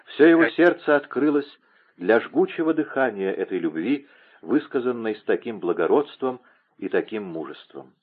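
Мужчина читает вслух художественный роман размеренно. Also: male voice, medium pitch, big pitch swings, normal speed, breathy edge. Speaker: audiobook narrator. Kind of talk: scripted narration. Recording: narrow phone-like lo-fi sound.

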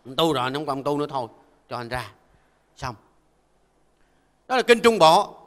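An older Buddhist monk gives a folksy, conversational dharma talk and keeps asking listeners to agree. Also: male voice, a little high, sing-song, normal speed, fairly bright tone, in a large hall. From Vietnam. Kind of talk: conversational sermon.

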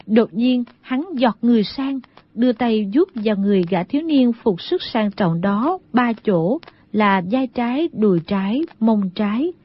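A woman narrating an audiobook in a steady storytelling manner. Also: fairly high pitch, unhurried, husky. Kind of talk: scripted narration. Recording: dull lo-fi audio.

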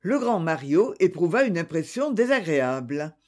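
An audiobook narrator giving an expressive, theatrical scripted reading of a detective novel. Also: medium pitch, normal speed.

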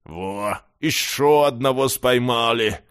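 A man voicing a gloating, toothless old male beggar who spreads slow, ominous tales of a monster, mumbling his words in an audiobook. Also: mid-range voice, fairly bright tone, smooth.

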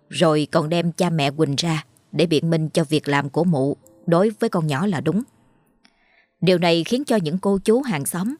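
Low-voiced woman narrating a ghost story. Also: a little mellow, no echo.

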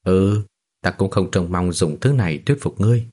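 A shrewd cultivator master who keeps his cool and argues his case step by step, voiced by a male narrator. His voice is low and slightly husky. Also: normal speed, dark tone. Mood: calm.

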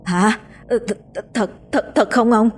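A woman's voice: a little high, unhurried, soft background music, natural voice. A woman voicing an older wife who stammers breathlessly in fear and grief for her dead son. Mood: alarmed. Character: grieving older wife, frantic and reproachful.

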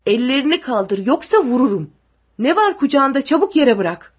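A woman shouting as a brutal soldier barking orders. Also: mid-range voice, lively intonation, moderate pace, breathy edge. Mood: barking threats. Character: brutal tall male soldier at a checkpoint.

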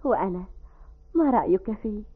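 An actress playing a clever young woman, fond and gently bossy toward her boyfriend, in an old radio drama. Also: mid-range voice, expressive, normal speed, breathy edge. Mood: affectionate. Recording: tinny lo-fi old radio recording.

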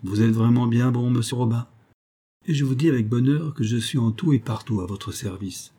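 A man reading the part of a weathered older boatman and former convict, low-voiced, humble and eager to serve. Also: normal speed, dark tone, natural voice. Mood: earnest.

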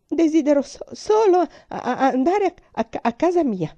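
A woman puts on a terrified little girl from a storybook, stammering and pleading. Her voice sits well above the reader's own, thin and high. It sounds muffled and lo-fi, with a dark, mellow tone. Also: sing-song, normal speed, no room sound. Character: frightened little girl, homesick and sobbing.

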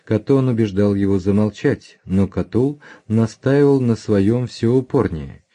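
A man reading a history book aloud as scripted narration, announcing page numbers and footnotes in a measured, even way. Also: fairly low pitch. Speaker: audiobook reader.

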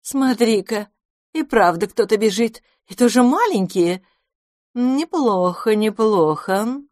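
A woman voicing a huge grey mother cat in a storybook, speaking in a drawn-out, insinuating way. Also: fairly high pitch, lively intonation, a little mellow, no room sound, studio quality, voice pushed up. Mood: sly.

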